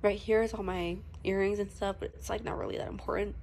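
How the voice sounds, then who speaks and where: Quick-paced and flat in delivery, a teenage girl with a mid-range, darkish voice walks through her vanity in her bedroom at home, rambling casually with lots of fillers despite a stuffy, runny nose. She is a makeup vlogger filming on a phone camera, with slight background noise.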